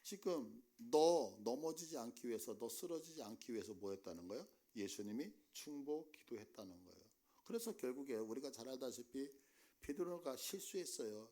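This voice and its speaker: A male pastor preaching a sermon in a church, often asking the congregation questions. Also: medium pitch. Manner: animated, asks the congregation questions.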